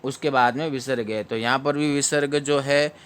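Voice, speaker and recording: A man teaching recitation, sounding out syllables slowly and explaining briskly. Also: mid-range voice, steady tone, a bit bright, clean tone. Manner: chants verses slowly in a melodic tune. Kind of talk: recitation lesson.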